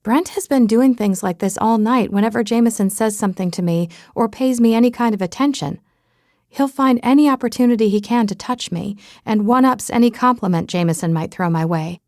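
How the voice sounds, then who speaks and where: Expressive woman narrating an audiobook. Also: on the high side, fairly quick, no echo, studio quality. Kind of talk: scripted first-person audiobook narration.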